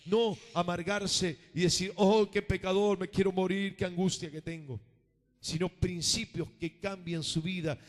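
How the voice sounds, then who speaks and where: A man, a pastor preaching a sermon with emphasis, calling for amens and swinging between loud and hushed delivery. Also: high voice. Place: church sanctuary. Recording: reverberant church hall.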